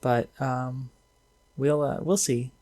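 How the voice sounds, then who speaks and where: A man chatting casually about an anime episode, excitable and slangy, full of fillers. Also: mid-range voice, slow pace, dry recording. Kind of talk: casual anime review chat.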